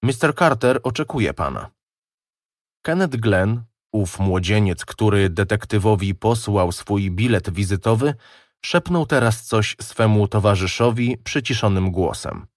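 A man narrating a detective audiobook in a measured, even reading style. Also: fairly low pitch, dry recording, clean studio sound.

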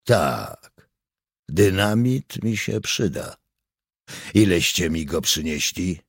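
A man voicing a suspicious, grim male partisan leader with a terse, gruff manner. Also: deep voice, expressive, slow pace, no echo, studio quality, exaggerated voice. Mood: sullen.

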